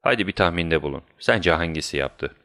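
A man voicing a shrewd, composed male detective who speaks in a measured, commanding way, in a deep voice. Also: expressive, vocal fry, sharp tone, heavily acted.

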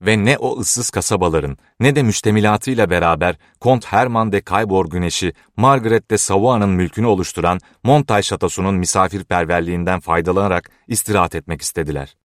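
Deep-voiced man narrating a novel. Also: no room sound, studio quality. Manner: measured, even storytelling. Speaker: audiobook narrator. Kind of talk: scripted narration.

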